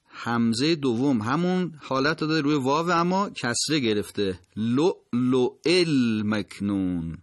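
A man gives a recitation lesson in a voice of middling pitch. He explains each point and then sings out single words slowly, stretching the vowels. The sound is dry and close, with no room around it. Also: fairly bright tone, no echo. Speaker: Quran recitation teacher.

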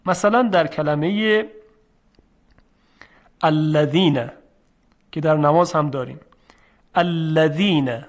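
Male teacher, fairly high voice, patient pronunciation lesson that stretches the example sounds slowly. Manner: slow and drawn-out on example sounds, repeating them for students. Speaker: Quran recitation teacher.

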